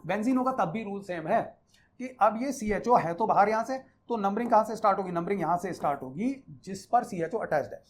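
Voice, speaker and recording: A man's voice: high voice, animated, fast. Man explaining chemistry naming rules. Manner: conversational, explanatory, repeats key rules to students. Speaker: chemistry teacher. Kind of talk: explaining IUPAC naming in a Hindi-English mix.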